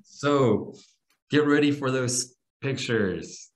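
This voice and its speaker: A man's voice: medium pitch, slow. A man in his thirties with an American accent, casually hosting an online teacher webinar in an informal, encouraging way over a video call. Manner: informal, addresses listeners as guys. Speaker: webinar host and English teacher trainer. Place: small room on a video call.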